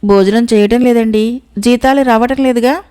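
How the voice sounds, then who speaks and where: Meek hungry army commander, woman voicing him, apologetic, highish voice. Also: fairly even intonation, moderate pace, mellow, clear, resonant tone, close to an everyday voice. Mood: timid. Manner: apologetic, timid.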